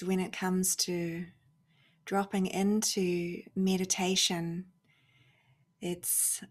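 A woman with a fairly low, slightly rough voice leads a guided spiritual meditation. She speaks quietly and contemplatively in short phrases, pausing at length and often drifting down almost to a whisper.

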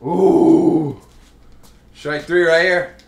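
A young man doing live game commentary as a streamer, full of swearing and cocky, excitable sports-fan trash talk, recorded in an indoor room. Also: mid-range voice, measured pace. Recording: roomy, echoing room sound.

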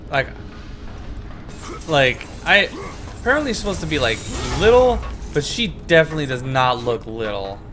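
A man's voice: on the high side, lively intonation, moderate pace, long pauses. Profane raging man gaming. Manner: loud, profane, raging bursts. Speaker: gaming channel host. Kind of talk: let's play commentary. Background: game music.

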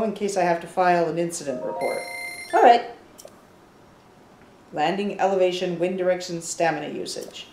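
An older woman voicing an excitable, fussy male researcher obsessed with birdmen, reading game dialogue aloud in a lively, theatrical way. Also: fairly low pitch, slight background noise, natural voice. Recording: roomy echo.

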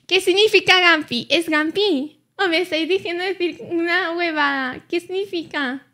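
A woman's voice: very high voice, unhurried, sharp tone. A young woman streaming live, chatting casually and playfully with her viewers and teasing them back.

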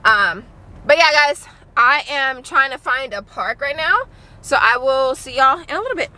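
A woman's voice: high-pitched, lively intonation, moderate pace, sharp tone, slight background noise. A woman in her thirties chatting casually and nervously to viewers on a handheld camera, candid and talkative. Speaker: family vlogger. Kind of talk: casual vlog chat to viewers. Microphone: handheld camera at arm's length.

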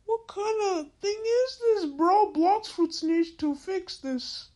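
Very high and animated yet unhurried and a little mellow, this female-sounding voice is run through a voice changer. A gaming video host delivers casual, slangy, repetitive commentary, exclaiming in disbelief at the gameplay.

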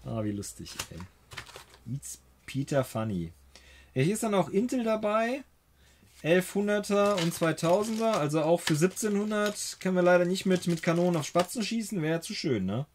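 A man on a casual livestream, fiddling with computer hardware and chatting to his viewers. His voice sits a bit high and bounces all over the place as he jokes. He slips English phrases into the chat and thanks viewers by name. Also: normal speed, slight background noise. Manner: joking, animated, sprinkles in English phrases.

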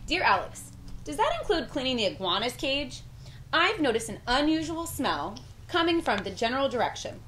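A woman in her thirties reads a children's picture book aloud on a covered porch with patio furniture, voicing the letters in character. Her high voice is sing-song, a bit bright and moderately paced, recorded from a few feet away with ambient porch noise.

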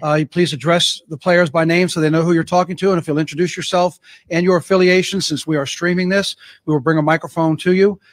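A man's voice: a little high, fairly even intonation, fast, no echo. A man moderating a press conference, giving procedural instructions in an orderly way. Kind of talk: announcements.

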